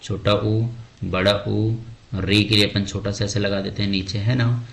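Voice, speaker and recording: A man's voice: fairly low pitch, flat delivery, a little slow, gravelly. A man teaching an exam-prep grammar lesson, asking the class questions and answering them himself, often calling the listener "bhai". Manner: addresses students as "bhai".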